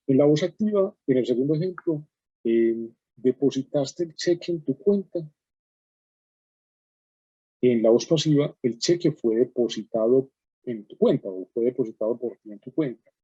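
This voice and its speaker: A man's voice: mid-range voice, warm tone, breathy edge, no echo, dull audio. A man teaching a writing workshop, explaining patiently with many fillers and checks like "right?". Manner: explanatory, frequent "¿cierto?" and fillers. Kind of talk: online workshop lecture.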